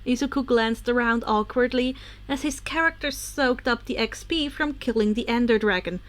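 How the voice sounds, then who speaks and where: A woman's voice: on the high side, moderate pace. A woman reading fanfiction aloud in a casual, informal way, sometimes stopping to correct a misread word. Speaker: podfic reader.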